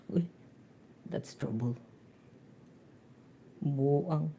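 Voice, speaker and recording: Giggly low-voiced woman streaming. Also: gravelly, mellow, a little hiss or hum. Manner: giggly, chatty, mixing Tagalog words. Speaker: vlogger live-streaming. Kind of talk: casual live-stream chat. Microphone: phone held close to the mouth.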